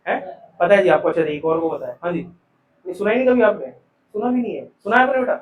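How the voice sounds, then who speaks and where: In narrow, tinny audio recorded from a distance in an echoing classroom, a man teaches a live commerce lesson. He talks fast in a high, bright voice with lively intonation, firing questions at the students and calling them "beta."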